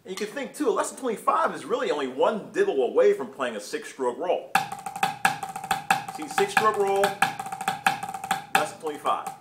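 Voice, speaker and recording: Male drum instructor, relaxed chatty delivery, roomy echo, drumming behind. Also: high-pitched, normal speed, long pauses, over loud music. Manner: relaxed, chatty, scatting drum patterns aloud. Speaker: drum teacher. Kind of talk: casual video lesson.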